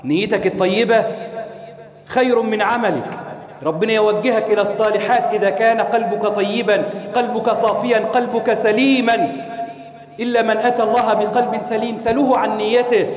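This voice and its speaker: Impassioned preacher, high voice. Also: male voice, steady tone, fairly quick. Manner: impassioned, rhetorical repetition, sometimes chanting. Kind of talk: sermon. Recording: echoey hall reverb.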